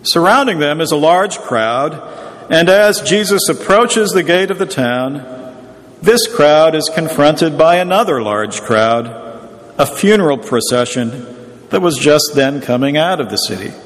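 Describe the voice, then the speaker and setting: A man preaching a sermon in a measured, explanatory teaching tone. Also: on the high side, lively intonation, big-room sound.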